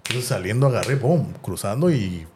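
A man's voice: fairly low pitch, lively intonation, moderate pace, darkish tone, a little hiss or hum. A man with a Mexican accent in a casual podcast chat, animatedly telling a long anecdote and tagging his phrases with "¿no?".

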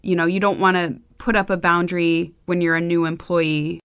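Low-voiced woman hosting a podcast. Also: flat delivery, normal speed, fairly bright tone, clean tone. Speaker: podcast host. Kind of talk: casual interview chat.

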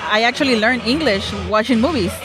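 A young Mexican woman whose first language is Spanish answers casual interview questions about her film club, hesitating and using many fillers. Her voice is on the high side and a little fast, with music playing in the background.

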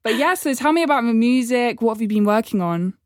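A woman's voice: a little high, animated, fast talker, a little mellow, dry recording, clean studio sound. A woman hosting an interview podcast, speaking as the presenter in an informal, conversational register. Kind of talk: scripted introduction and casual interview.

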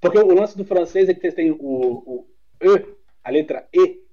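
A high-voiced Brazilian man speaks at a measured pace over lo-fi sound, his Brazilian Portuguese accent clear. He's a guest on a podcast, chatting casually, blunt and foul-mouthed, an animated storyteller.

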